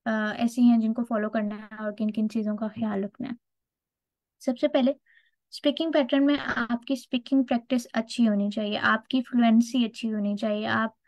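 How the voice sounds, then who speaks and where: A woman with a slightly high voice gives an online test-prep lecture, explaining step by step and frequently checking in with her students. The recording is dull, lo-fi and dry, with no echo.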